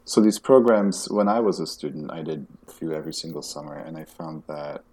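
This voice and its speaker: A man from Belgium, a music festival director, talking casually in a soft, measured way with frequent pauses. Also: extremely low pitch, breathy edge. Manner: soft-spoken, measured, hesitant with ums. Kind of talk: casual interview conversation.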